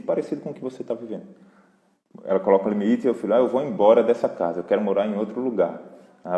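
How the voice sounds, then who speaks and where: Brazilian guy chatting on a live parenting q&a, low mellow voice, long echo like a big hall. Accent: Brazilian Portuguese. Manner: relaxed and conversational, addresses viewers directly. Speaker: parenting educator hosting a live Q&A. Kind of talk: casual live Q&A talk.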